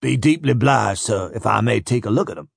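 A man voicing a courteous, calculating slave buyer who drawls slowly and politely. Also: lowish voice, animated, creaky, no room sound, studio quality, exaggerated voice.

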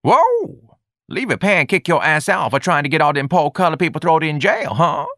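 Male narrator as a high, whooping streetwise young man, slangy and mocking, animated pitch. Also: moderate pace, no echo, clean studio sound, exaggerated voice. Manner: exclamatory, slangy and wisecracking.

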